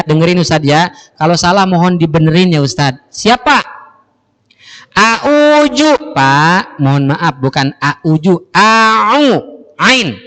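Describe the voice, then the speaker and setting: A male preacher giving a lively Ramadan sermon in a mosque, acting out his congregants and drawing out Quran recitation. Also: fairly high pitch. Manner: acts out congregants in quick voices, drawn-out Quran recitation. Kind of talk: Ramadan sermon with comic role-play. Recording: echoey mosque hall.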